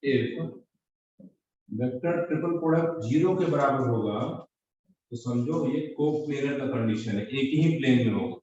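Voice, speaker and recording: A man's voice: medium pitch, measured pace, dark tone. A male maths teacher lecturing a class. He repeats key terms and keeps asking the students whether they follow. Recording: distant, echoey, muffled classroom recording.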